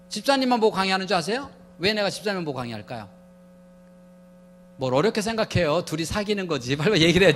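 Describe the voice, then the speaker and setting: A man lecturing humorously to a church audience, playful and animated, acting out everyday quotes as he goes. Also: high voice, slight background noise.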